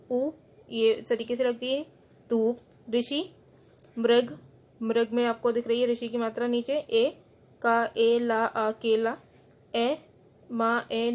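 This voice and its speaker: Speaking a little high with a somewhat dark tone, this Indian school teacher runs an online Hindi class. She lays out every rule, then repeats it in plainer words, mixing English terms into her explanation.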